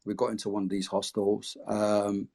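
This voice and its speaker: A man's voice: fairly low pitch, completely flat delivery, normal speed, gravelly, warm tone. A man talking casually in an interview, explaining the project he founded. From came to the UK as a child refugee.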